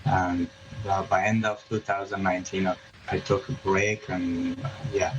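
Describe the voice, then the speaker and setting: An Afghan journalist, a man, appears as a guest in a remote news interview, speaking at a moderate pace in a low, flat voice. He hesitates a lot, with many fillers and restarts, over a muffled remote line with background noise.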